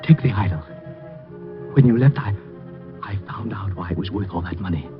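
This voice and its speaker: In a 1950s radio drama, an actor voices a client: a jumpy, frightened little man in a nightshirt, nervous and excitable, who sounds like he is dying. His voice is deep and his pace normal, heard on a muffled old recording with music.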